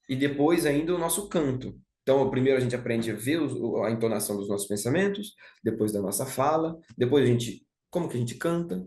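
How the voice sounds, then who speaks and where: A man's voice: mid-range voice, a little mellow. Young man, Brazilian Portuguese accent, reflective lecture, roomy echo. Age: young adult. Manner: thoughtful, with frequent "né?" and restarts. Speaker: speaker giving a talk on music.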